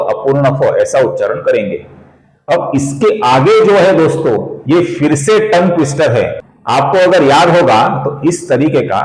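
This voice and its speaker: A man teaching Sanskrit chant pronunciation in a video lesson. He addresses the viewers as friends and patiently slows down to spell out each syllable. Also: a little high, reverberant, low-quality recording.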